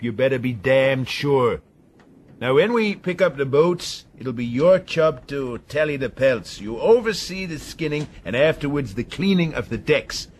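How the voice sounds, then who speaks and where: A male actor with a mid-range voice plays a domineering, hard-driving sea captain in a radio drama. His delivery is blunt and commanding.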